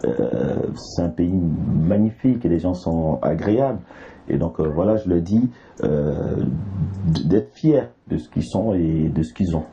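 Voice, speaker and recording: Man from Côte d'Ivoire, interview guest, hesitant with fillers, dark mellow tone, slightly muffled recording. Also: deep voice, lively intonation, unhurried, gravelly, husky. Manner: hesitant, with many fillers and restarts. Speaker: artist guest. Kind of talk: interview conversation. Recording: slightly dull, faint background noise.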